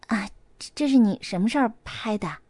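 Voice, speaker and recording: A woman's voice: on the high side, expressive, a little fast, darkish tone, no echo. A woman voicing an awkward young man who stammers and fawns while he tries to make small talk. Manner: stammering and sheepish.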